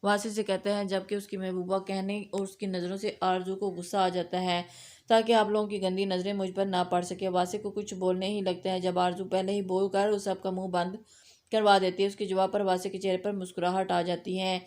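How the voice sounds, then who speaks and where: A woman narrates a romance novel in steady, scripted storytelling. Her pitch stays narrow and level throughout, with a middling voice.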